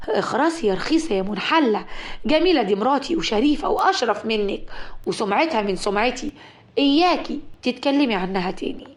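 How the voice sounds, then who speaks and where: A woman's voice: on the high side, expressive, fairly quick, lightly acted. A woman voicing a polite but stern young man, speaking formally with an Egyptian accent. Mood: angry. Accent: Egyptian Arabic.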